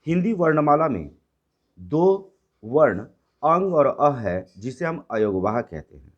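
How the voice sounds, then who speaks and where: Man teaching a grammar lesson, lively pitch. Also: slow pace, muffled recording. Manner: explains by repeating, switching to English and Bengali words.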